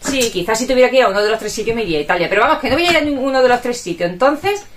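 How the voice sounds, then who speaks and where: A middle-aged Spanish woman vlogging at home, talking in a rambling, chatty way and tacking little questions onto the ends of her sentences. Her voice sits a bit high and swings widely in pitch. Faint clicks can be heard behind her. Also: expressive, rapid-fire, a little hiss or hum. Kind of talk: casual chat to viewers.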